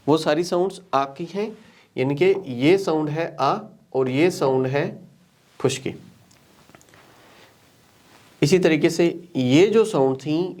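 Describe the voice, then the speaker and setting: A man with a Pakistani accent teaching English pronunciation, repeating words one by one for learners. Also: mid-range voice. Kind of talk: classroom lesson mixing Hindi-Urdu and English.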